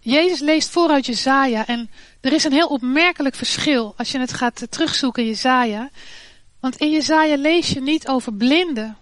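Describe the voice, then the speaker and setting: A woman's voice: high-pitched, normal speed, no echo. A woman giving an earnest devotional talk and reading scripture, with some hesitations and restarts. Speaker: devotional speaker.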